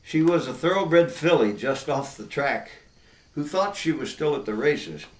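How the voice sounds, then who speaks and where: A man's voice: fairly high pitch, animated, a little slow. Echoey older American man with cowboy twang. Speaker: cowboy poet. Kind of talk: folksy storytelling and cowboy poetry recitation. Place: inside an old log barn. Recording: roomy echo, distant microphone.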